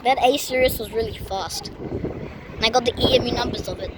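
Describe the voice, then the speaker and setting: High-voiced woman, live trainspotting commentary. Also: normal speed. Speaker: trainspotting vlogger. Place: outdoor train station platform. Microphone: handheld phone. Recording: noisy outdoor phone recording, train rumble. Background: trains and station ambience.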